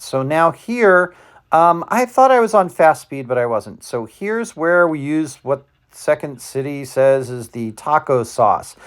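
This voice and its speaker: A man's voice: a little high, clear, resonant tone. A man giving a casual, rambling voice-over commentary as he explains his hobby model-making step by step. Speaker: hobby model-maker narrating tutorial.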